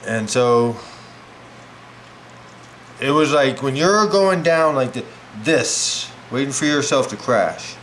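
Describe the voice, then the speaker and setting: A man's voice: medium pitch, slow pace, long pauses, slight background noise. Rambling man telling a story. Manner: rambling, animated, many "like" fillers. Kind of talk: casual storytelling. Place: home, preparing food.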